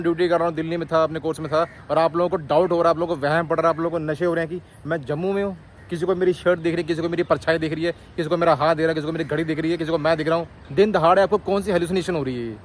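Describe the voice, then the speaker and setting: Vlogger man, slightly higher voice, mock-stern then chatty, phone mic, faint street noise. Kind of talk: casual vlog talk to viewers.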